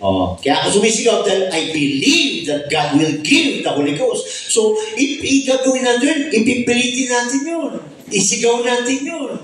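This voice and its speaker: A man's voice: very high voice, sing-song, normal speed, few pauses. A man preaching a Bible study sermon, emphatic and calling out praise often, mixing Tagalog and English. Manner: shouts when preaching. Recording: echoey room, mic far off.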